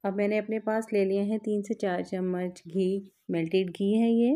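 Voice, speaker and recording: Working with her hands at a home kitchen counter, a woman hosts a cooking vlog and patiently guides viewers through a recipe step by step. Her voice is medium-pitched, steady and mellow, at a moderate pace.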